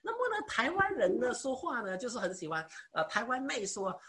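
Animated husky woman in her thirties. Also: a little high, fairly quick. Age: 30s. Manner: excitable, imitates others' speech, many hesitations. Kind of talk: animated storytelling talk.

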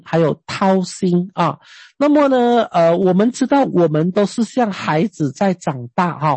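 Female preacher, husky and dry-miked, folksy talk-style sermon full of questions to the listeners. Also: fairly low pitch, mellow, dry recording. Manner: chatty, asks the listeners questions, often hesitates. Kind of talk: conversational sermon.

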